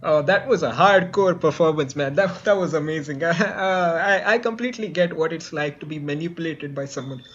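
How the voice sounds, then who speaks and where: A man's voice: on the high side, normal speed, hardly any pauses, a bit bright, lo-fi sound. A man hosting a comedy sketch show in a playful, upbeat way, stumbling over his words now and then. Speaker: host.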